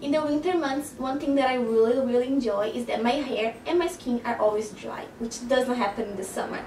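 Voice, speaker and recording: Her voice fairly high, brisk and a touch mellow, a young woman from Brazil vlogs casually in a Brazilian Portuguese accent. Chatty and quick to laugh, she emphasizes words by repeating them, captured on roomy, slightly distant camera audio with a little hiss or hum.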